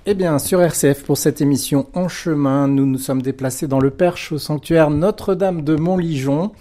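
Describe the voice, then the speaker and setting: A man's voice: on the high side, moderate pace, warm tone. A man hosting a radio interview program, asking friendly, rambling questions.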